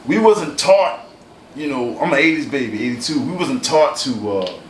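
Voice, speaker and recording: A man in his forties from Hawaii, a guest in a casual interview, telling his story haltingly with many fillers and restarts. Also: mid-range voice, lively intonation, far from the mic. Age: 40s. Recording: roomy, off-mic, faint room hiss.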